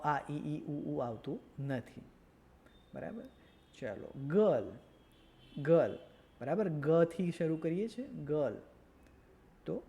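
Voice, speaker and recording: A man's voice: fairly high pitch, a little mellow. A man with a Gujarati accent teaching a beginner grammar lesson, patiently repeating words and checking understanding. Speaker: English teacher.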